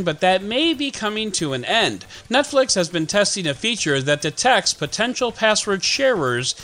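A man's voice: a little high, bright, forceful tone. A man hosting a scripted tech news podcast, reading with wry, joking asides. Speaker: podcast host.

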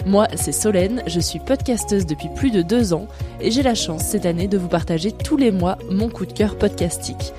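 A woman's voice: medium pitch, normal speed, over music. A woman hosting a podcast, reading a friendly, conversational script. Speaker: podcast host.

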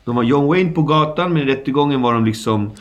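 A man's voice: medium pitch, muffled recording. A man in his forties from the Stockholm suburbs, recounting his past in a candid interview with slangy, vivid retelling and sound effects. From Stockholm suburbs, Sweden. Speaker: guest.

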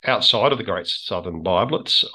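A middle-aged man explains things as an interview guest, halting and restarting as he goes. His voice is fairly low and has a bright, sharp edge. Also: lively intonation. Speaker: interview guest, citizen science organiser. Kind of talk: informal interview answers.

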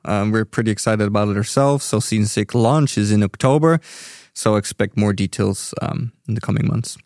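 A man's voice: on the low side, normal speed, darkish tone, dry recording, clean studio sound. A man hosting a casual podcast, steering the conversation in an easygoing way. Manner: easygoing, moderating the chat. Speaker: podcast host, community manager.

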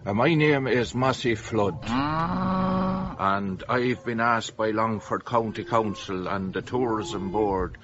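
A man playing a hapless county local in a comedy sketch, halting and giggly, with an Irish Midlands accent. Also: on the low side, expressive, fairly bright tone, dull audio. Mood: earnest, halting.

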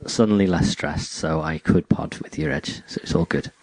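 A man's voice: sits low, lively intonation, normal speed, vocal fry, a little mellow. A British man co-hosting a podcast in casual chat, recorded in an echoey empty room. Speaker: podcast co-host. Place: empty spare room indoors.

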